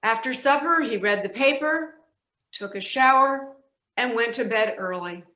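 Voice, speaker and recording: A woman narrating a scripted storybook tale with deliberate, expressive emphasis. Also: on the high side. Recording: echoey room.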